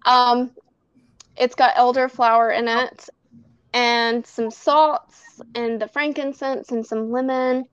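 Woman with a smooth, higher voice. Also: flat delivery, slow, dry recording. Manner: rambling, explains with many fillers. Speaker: guest, bath box maker. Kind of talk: casual interview chat. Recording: dull lo-fi recording.

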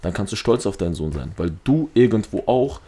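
A man's voice: on the low side, animated, a little fast, warm tone. A young man chatting casually in a slangy, rambling way, arguing his point with everyday examples. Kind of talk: casual chat.

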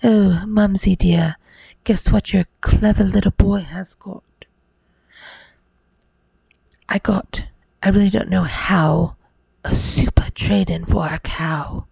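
A woman voicing an eager, cheeky young boy in a hushed bedtime storybook reading, breathy and whispery. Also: mid-range voice, steady tone, unhurried, dry recording, exaggerated voice. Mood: smug.

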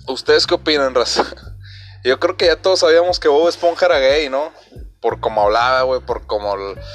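A man's voice: mid-range voice, fairly bright tone. A man with a Mexican accent hosting a casual comedy podcast, joking in slang and talking straight to his listeners. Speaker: podcast host.

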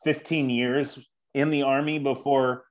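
A man hosting a podcast, talking in a relaxed, chatty way with fillers. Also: mid-range voice, a little slow, low-quality recording. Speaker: podcast host. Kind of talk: casual podcast chat.

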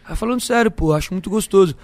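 A man's voice: high voice, rapid-fire, darkish tone. A young Brazilian man telling candid stories as a guest in a casual podcast chat, full of slang and laughter. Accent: Brazilian Portuguese. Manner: candid, laughing storyteller who fills his talk with slang.

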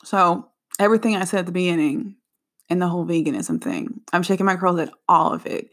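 A young adult woman hosting her own show in casual solo chat, talking in a chatty, animated way with laughing asides. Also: fairly low pitch, a little fast. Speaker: podcast host.

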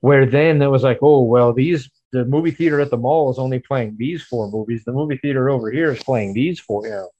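A man's voice: medium pitch, brisk, hardly any pauses, warm tone, breathy edge, dry recording, highs cut off. A man in his forties from the Memphis area, reminiscing in casual podcast chat with many fillers. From Memphis area, USA. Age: 40s.

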